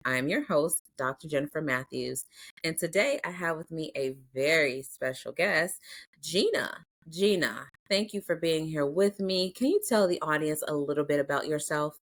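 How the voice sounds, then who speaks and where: A woman's voice: low-pitched, lively intonation, moderate pace. A woman hosting a conversational podcast interview, chiming in with playful, familiar remarks. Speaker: podcast host.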